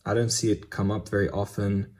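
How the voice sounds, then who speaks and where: A man's voice: on the low side, level tone, a little fast, a little mellow. Chatty young man showing off collectibles. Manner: chatty, enthusiastic, frequent ums. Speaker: Funko Pop collector vlogger. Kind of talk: casual unboxing vlog.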